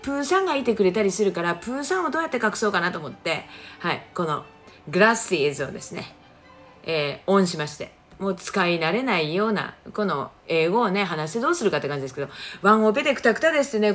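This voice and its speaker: Soft music plays behind a middle-aged woman whose voice is low-leaning, animated and fast. Hosting a phone livestream from Kagoshima, Japan, she chats casually in a Kagoshima accent, reading comments and calling out viewers by name.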